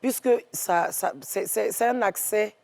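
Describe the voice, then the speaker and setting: A woman with an Ivorian French accent, a guest on a TV talk show, telling a story in a lively way and acting out what each person said. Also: mid-range voice, a little slow, creaky. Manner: lively, tells stories in the first person and acts out what each person said. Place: TV studio.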